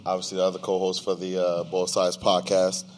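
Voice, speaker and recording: A young American man of Nigerian descent co-hosts a podcast before a live audience, chatting informally with slang. His voice is low and monotone and fairly quick, and the live event recording is slightly distorted with slight background noise.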